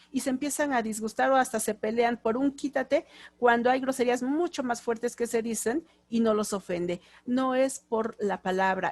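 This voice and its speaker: A Mexican woman lecturing her class in a fairly high voice, explaining steadily and slipping into little acted phrases to show tone. The sound is dry and close. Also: darkish tone, dry recording. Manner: explanatory, acts out short quoted lines in different tones. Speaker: teacher.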